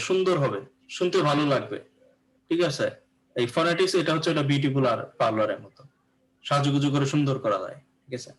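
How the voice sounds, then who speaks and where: A man with a Bangladeshi accent leads a live pronunciation lesson. His voice sits a little high, and he explains step by step, often asking whether the class follows. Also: low-quality recording. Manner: explains patiently, often checks understanding with rhetorical questions. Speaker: English pronunciation teacher.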